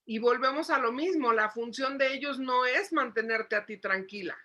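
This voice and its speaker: A woman psychologist giving a lively lecture to parents, asking the audience questions and acting out shouting. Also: a little high, normal speed, lo-fi sound. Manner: animated, asks the audience questions, acts out shouting.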